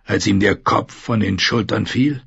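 A man reading an audiobook, voicing a scarred, brutal warrior who talks in a gruff, scornful, growling way. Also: on the low side, a little slow, a bit bright, dry recording, highs cut off, heavily acted. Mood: menacing. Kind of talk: audiobook character voice.

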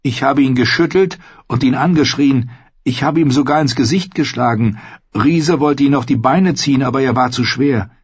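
A man voicing a guilt-ridden young male recruit who talks in a rushed, pressing way. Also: mid-range voice, husky, no room sound, highs cut off, pitched above the performer's own voice. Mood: distraught.

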